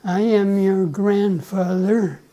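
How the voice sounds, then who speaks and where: Speaking to his grandchild, this Salvadoran man in his nineties, whose first language is Spanish, is interviewed about his life in a relaxed, unhurried way. He chuckles and clears his throat frequently. The high voice carries a warm tone and fairly even intonation, though the audio is poor.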